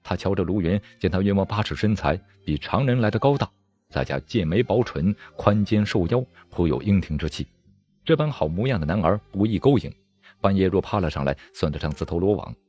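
A man narrating a martial-arts novel aloud in a dramatic, expressive storytelling manner. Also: deep voice, fairly quick, breathy edge. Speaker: audiobook narrator. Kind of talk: storybook reading of a wuxia novel.

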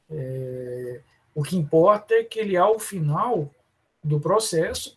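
A man with a Brazilian accent teaching a live online law class, often calling students by name and slowing down to stress terms. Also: on the high side, a little mellow, breathy edge. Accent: Brazilian Portuguese. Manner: addresses students by name, many fillers and restarts. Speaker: law professor.

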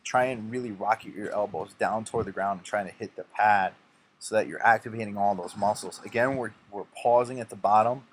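A man's voice: fairly low pitch, fairly quick, a little hiss or hum. A young man casually narrating his own workout, giving instructive tips with a self-mocking streak.

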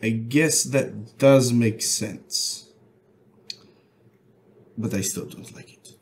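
A man playing a tabletop game, jumping in with quick questions. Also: medium pitch, a little hiss or hum. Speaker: player. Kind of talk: casual tabletop role-play.

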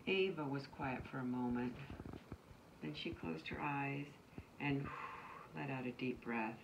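A woman's voice: very deep voice, highs cut off. A woman who teaches nursery school, reading a picture book aloud to children and stopping to chat casually about the pictures. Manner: pauses to describe the pictures in a casual, chatty way. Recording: distant mic, faint background noise.

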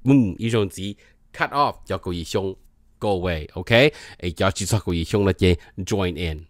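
A man presenting an informal educational talk, reading short phrases aloud and then explaining each one in a relaxed, chatty way. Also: sits low, slow, no room sound, clean studio sound.

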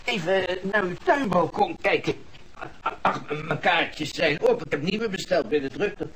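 An actor playing a smooth-talking male con man who poses as a handyman, with a glib salesman's patter in a radio play. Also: high voice, expressive, a little slow, a bit bright, a little hiss or hum, rough recording. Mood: wheedling.

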